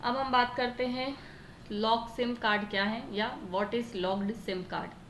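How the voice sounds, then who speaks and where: This Indian computer teacher speaks slowly in a fairly high, fairly bright voice, explaining step by step in Hindi with English terms. She keeps asking questions and answering them, recorded in an echoey space with faint noise behind her.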